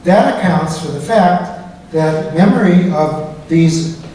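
A man's voice: fairly high pitch, warm tone, a little hiss or hum. Man reading a lecture in an echoey hall. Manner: measured, academic delivery. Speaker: guest lecturer. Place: lecture hall stage, at a podium. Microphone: lapel mic and podium mic. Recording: echoey hall, slightly distant.

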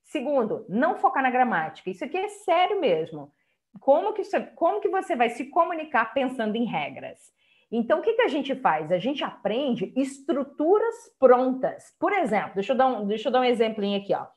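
A woman's voice: high voice, very animated, a little fast, a little mellow. A Brazilian Portuguese-speaking woman giving an online lecture as an English teacher, explaining step by step and checking in with listeners. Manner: explanatory, chatty, many checking tags like "tá?" and "ó".

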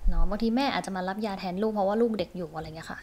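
A woman teaching a lesson, explaining in a chatty way and modeling short phrases slowly and clearly. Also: mid-range voice, a little mellow. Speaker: English teacher for pharmacists.

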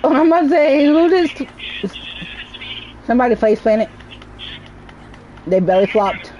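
A young woman streamer with a lively, bouncing voice that swings freely up and down as she giggles and sings snatches between remarks. Her tone is soft and mellow rather than bright. She talks slowly and playfully over a faint hiss. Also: high voice, highs cut off. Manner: giggly, sing-song, playful. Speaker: game streamer. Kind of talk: casual gaming chat.

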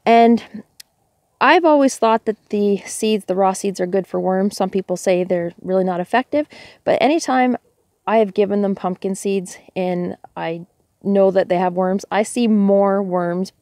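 Mellow-voiced Canadian woman chatting casually. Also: medium pitch, a little slow, no room sound. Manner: relaxed, chatty, thinking aloud. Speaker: homesteading vlogger. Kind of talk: casual how-to narration. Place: outdoors by a snowy hen house.

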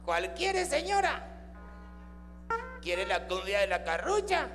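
A man's voice: high-pitched, big pitch swings, slow pace, in a large hall, music in the background, full character voice. A man voicing a foul-mouthed male puppet who roasts the crowd with vulgar jokes, in a Mexican accent. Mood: mocking. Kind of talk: live ventriloquist comedy.

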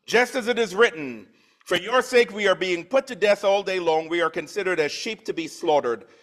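A man's voice: high-pitched, moderate pace, a bit bright. A man in his forties from Trinidad, preaching a sermon in church, reading scripture with swelling emphasis and dropping into plain conversational asides. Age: 40s.

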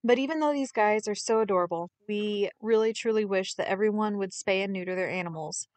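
A woman's voice: mid-range voice, fairly quick, a little mellow, no echo. Earnest woman narrating a rescue vlog. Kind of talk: voice-over narration.

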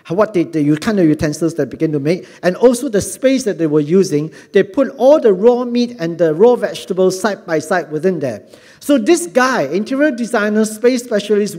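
A middle-aged man with a Singaporean English accent preaching a sermon on a church stage into a handheld mic, earnest and animated, often repeating words. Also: high voice. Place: large church hall on a stage. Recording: long hall reverb.

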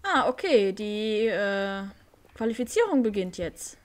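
A woman's voice: medium pitch, sing-song, measured pace, faint music behind. A woman casually commenting while playing a horse-riding game, thinking aloud. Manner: chatty, thinks aloud with fillers. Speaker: let's play host.

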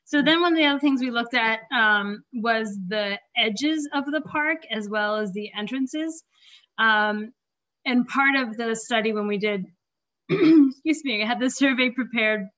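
A woman's voice: fairly high pitch, a bit bright. Woman losing her voice, presenting plans. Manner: halting, many fillers and throat clearing. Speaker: park planner presenting at a community meeting. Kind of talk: presentation over slides. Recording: dull lo-fi meeting audio.

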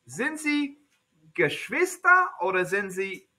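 A man who is not a native speaker of German teaches a beginner high-school class in a classroom, asking simple questions again and again and answering them himself. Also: sing-song, takes it slowly, bright, forceful tone. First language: English. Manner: simple repeated questions to students, self-answering.

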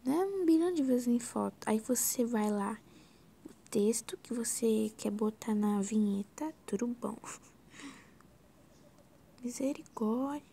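A Brazilian woman walking through a video editing tutorial in a casual, scattered way, often sinking into a soft whisper and exclaiming to herself. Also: on the high side, expressive, measured pace, gravelly, long pauses, slightly rough. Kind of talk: casual screen-recorded tutorial.

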